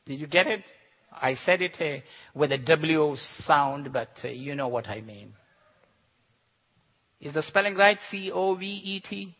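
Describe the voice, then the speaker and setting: A man's voice: a little high, animated, a little slow, long pauses. A man teaching in an earnest, instructive manner and telling anecdotes, in a dull recording with long hall reverb. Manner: earnest, instructive, tells jokes. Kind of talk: lecture with anecdotes.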